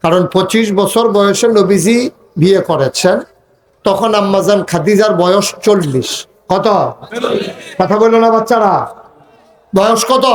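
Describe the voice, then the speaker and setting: Man, preacher, rousing sermon, call-and-response, somewhat high voice, echoey hall. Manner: rousing, call-and-response with the crowd, chanting stretches. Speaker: Islamic preacher.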